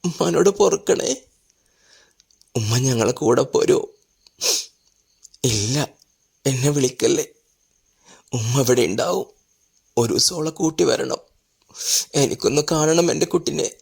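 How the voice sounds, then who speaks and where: A woman's voice: very deep voice, expressive, measured pace, vocal fry, long pauses, darkish tone, husky, heavily acted. A woman playing a sorrowful tender old mother. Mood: pleading. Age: older. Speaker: elderly mother and grandmother. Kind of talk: Malayalam family drama acting.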